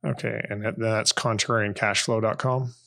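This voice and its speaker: A fairly low-voiced man hosting a podcast and chatting casually with his guest. He rambles with plenty of ums and pokes fun at himself as he goes. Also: level tone, normal speed, creaky, pushed and bright. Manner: self-deprecating, rambling with fillers. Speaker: podcast host. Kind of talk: casual interview chat.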